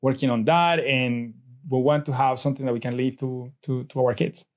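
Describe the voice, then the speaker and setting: Speaking at a normal pace with fairly even intonation, a man with a mid-range voice talks as a guest in a casual interview. He's a middle-aged Colombian real estate investor, a native Spanish speaker with a Colombian accent, and his answers ramble with many restarts and fillers.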